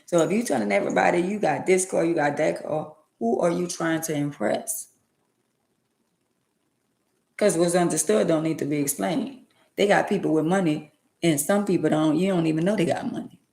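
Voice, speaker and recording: A woman's voice: lowish voice, moderate pace, creaky, dark tone, echoey room. A woman around sixty, talking emphatically and repetitively in a preachy, casual way on her livestream. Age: 60s. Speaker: livestream host.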